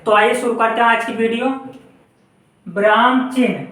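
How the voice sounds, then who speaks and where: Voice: medium pitch, normal speed, fairly bright tone. A teacher giving a step-by-step grammar lesson for exam preparation. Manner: explains step by step, pointing to the board. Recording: echoey room, voice far from the mic.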